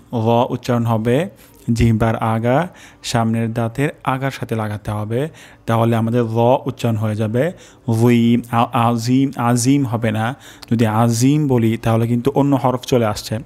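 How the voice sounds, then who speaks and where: Male teacher, middle pitch, flat delivery, demonstrates recitation syllable by syllable. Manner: slow, drawn-out demonstration of each syllable. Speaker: teacher of prayer pronunciation. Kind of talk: recitation lesson.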